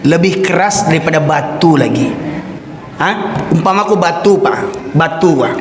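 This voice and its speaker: Man, preacher, Minangkabau accent, heated sermon, high voice, roomy noisy hall recording. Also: animated, moderate pace. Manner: heated, raises his voice while preaching. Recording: echoey hall with background noise.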